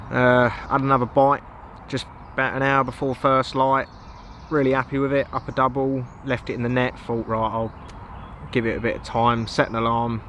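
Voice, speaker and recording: A young English man vlogging by a lake from his fishing tent, talking in a relaxed, understated way to the camera mic. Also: mid-range voice. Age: young adult. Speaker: angler vlogger. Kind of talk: casual vlog narration. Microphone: camera mic, seated in front of camera. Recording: outdoor recording with clear ambient noise.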